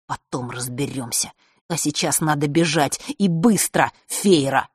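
A woman's voice: lowish voice, expressive, moderate pace, no room sound, studio quality. Woman doing a curt, defiant teenage boy. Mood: grim. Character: proud, hot-tempered teenage boy.

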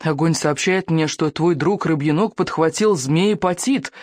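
A man voicing a frail, gloomy old male elder with a creaky, wavering voice who frets over bad omens. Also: on the high side, a little slow, no echo, studio quality, lightly acted.

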